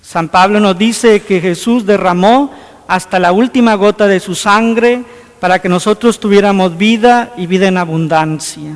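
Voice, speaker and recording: A man's voice: high voice, moderate pace. A man preaching a homily as a priest, earnest, with many rhetorical questions. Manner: earnest, rhetorical questions, acts out scripture scenes. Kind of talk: sermon. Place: church. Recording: long hall reverb.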